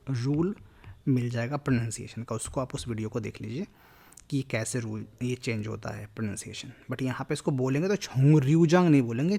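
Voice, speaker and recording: A man's voice: mid-range voice, creaky, darkish tone. A man teaching a language lesson, explaining grammar in a mix of Hindi and English.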